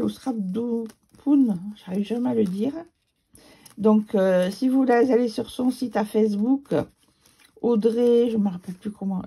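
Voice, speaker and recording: Woman scrapbook vlogger, regional accent, gravelly voice, casual rambling chat. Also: mid-range voice, mellow. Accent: regional French accent. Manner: chatty, rambling, with fillers.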